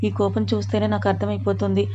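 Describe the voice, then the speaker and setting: A moody pregnant young wife who is quick to take offense, as a woman storyteller puts her on. She speaks in a reproachful, clinging way with a mellow, fairly flat voice. The audio sounds dull and lo-fi. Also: mid-range voice, a little hiss or hum, natural voice. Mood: tearful.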